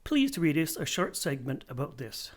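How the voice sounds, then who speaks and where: TV reporter, male, slightly high voice, polite scripted delivery. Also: very animated, normal speed. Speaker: reporter and host. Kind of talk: broadcast reporting.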